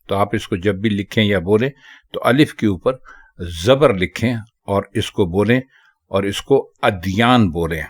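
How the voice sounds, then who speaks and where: A man teaching correct spelling and pronunciation, talking slowly and carefully and repeating each word several times. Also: on the low side. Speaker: Urdu language teacher.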